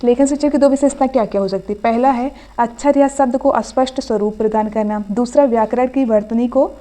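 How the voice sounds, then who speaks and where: A woman's voice: a little high, steady tone, brisk, dark tone. A woman teaching an online exam revision class, reading out each question and then giving the answer. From India.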